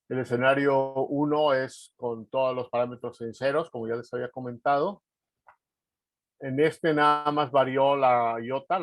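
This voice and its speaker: Man, research presenter, halting delivery with restarts, dry close sound. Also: medium pitch, no room sound. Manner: halting, restarts words often. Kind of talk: technical presentation in a meeting.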